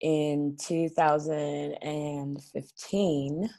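Extremely slow, level and mellow, her voice sits low. This thirty-something guest from Nigeria speaks over a laptop webcam from her living room in a casual video-call interview, sharing her story openly with chatty small laughs.

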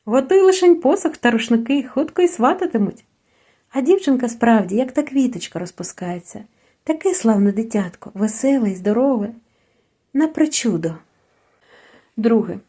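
A woman reading a sad short story aloud in an expressive, mournful storytelling manner. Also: fairly high pitch, normal speed. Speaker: reader. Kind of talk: audiobook narration.

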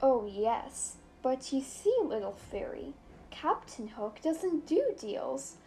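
A woman voicing a sly, scheming male pirate captain who talks slowly and gloats. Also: sits high, big pitch swings, a little mellow, a little hiss or hum, exaggerated voice. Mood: gloating. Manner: slow, gloating and drawn-out.

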